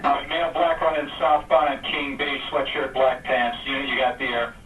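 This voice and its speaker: A man's voice: mid-range voice, little pitch movement, moderate pace, soft background music. A man working as a police dispatcher, heard over a police radio transmission, answering units in clipped, terse radio codes. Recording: muffled, distant, echoey radio audio.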